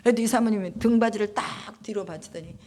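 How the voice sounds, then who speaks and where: A woman's voice: medium pitch, fast talker, warm tone. A middle-aged woman missionary preaches in an easy, conversational way. She keeps asking her listeners questions and answers them herself. She often acts out prayers in the voices of the people she talks about. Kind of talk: sermon.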